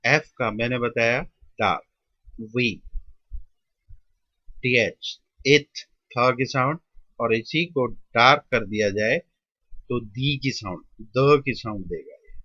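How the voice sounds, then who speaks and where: Male tutor, Indian accent, unhurried, bright voice; dry, muffled lo-fi recording. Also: mid-range voice, no room sound. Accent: Indian Hindi-English mix. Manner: slow, drawn-out, repeats each sound with pauses. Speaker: shorthand tutor. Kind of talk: step-by-step classroom explanation.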